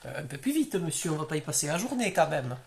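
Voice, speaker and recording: A woman's voice: low voice, sing-song, fast talker, slight background noise. A woman playing an impatient, commanding driving examiner in an amateur comedy sketch. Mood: bossy.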